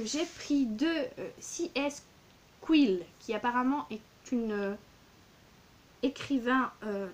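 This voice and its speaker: A woman's voice: fairly high pitch, a little mellow. A woman in her thirties, a book vlogger showing her purchases in a casual, gushing way, with many fillers and repeated words. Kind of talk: casual book haul vlog.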